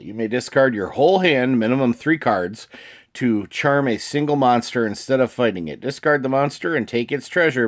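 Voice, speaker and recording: A video host with a sniffly, allergy-affected voice in the mid range reads card text aloud in a casual way. He throws in informal asides and clears his throat now and then.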